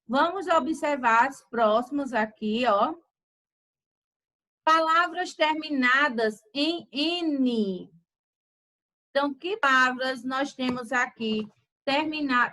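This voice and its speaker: A woman teacher, slowly dictating words in a grammar lesson. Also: sits high, pushed and bright, poor audio. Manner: slow, deliberate word-by-word dictation.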